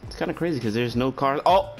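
A woman hosting a gaming video, giving excitable commentary over gameplay in voice chat and breaking into laughter and shouts. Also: lowish voice, slow, faint music behind.

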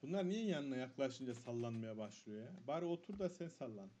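A man's voice: medium pitch, expressive, brisk, warm tone. A man commenting on a horror game as he plays, jumpy and swearing, muttering prayers under his breath when scared. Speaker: gaming streamer. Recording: dull lo-fi mic with faint noise.

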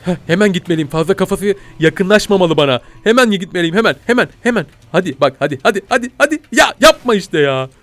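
A young man commentating a game he plays, panicking, shouting and laughing in mock fear. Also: sits high, animated, fast talker, hardly any pauses, dry recording. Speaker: gaming YouTuber. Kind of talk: excitable gameplay commentary.

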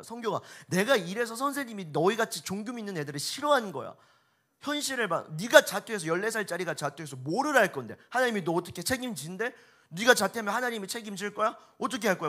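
A man acting out an exasperated, furious schoolteacher who shouts rapid-fire rebukes at a pupil. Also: medium pitch, lightly acted.

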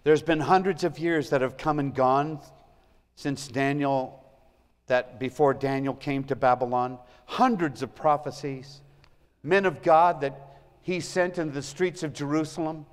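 Male pastor, slightly higher voice, earnest sermon delivery with big volume swings, church hall reverb. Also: steady tone, measured pace. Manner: earnest, swells and drops in volume for emphasis. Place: church sanctuary.

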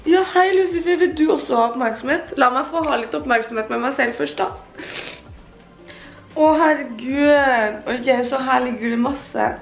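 A young woman vlogging her birthday morning at home, talking casually and getting excited and teary. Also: high-pitched, creaky, hardly any pauses, faint music behind. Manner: excited, swearing, tearful exclamations. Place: apartment indoors.

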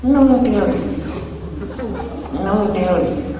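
A man's voice: sits high, animated, takes it slowly. A man voicing a stubborn, childish alien "little voice" that curtly refuses to answer. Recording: echoey hall, distant mic, faint noise.

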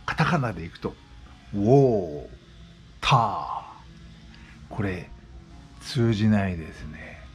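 A man's voice: on the low side, animated, moderate pace, faint music behind. A man in his sixties talking casually as a vlogger, explaining things with repeated examples. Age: 60s. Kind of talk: casual monologue. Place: West Oahu, Hawaii.

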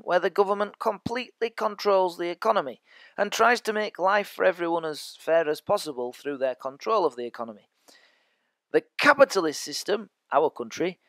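A man's voice: high-pitched, animated, fairly quick, a bit bright, dry recording. A man teaching a history lesson as a podcast, chatty and joking with his listeners. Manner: chatty, jokey asides to listeners. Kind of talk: educational podcast lecture.

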